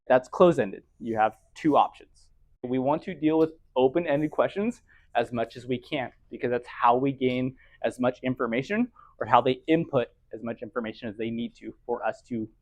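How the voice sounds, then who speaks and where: A young man teaching an EMT class in a casual, lively way, often acting out patient conversations. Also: medium pitch, no room sound. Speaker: EMT instructor. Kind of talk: classroom lecture.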